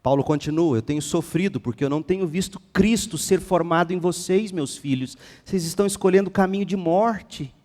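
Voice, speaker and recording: A male pastor with a Brazilian Portuguese accent, preaching a sermon with passion, swinging between hushed and forceful. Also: high-pitched, a little fast, hardly any pauses, in a large hall. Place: church sanctuary.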